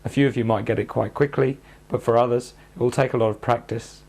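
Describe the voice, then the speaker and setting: A man calmly guiding listeners through speech therapy exercises in a measured instructional narration. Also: mid-range voice, husky. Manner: calm, measured, step-by-step coaching.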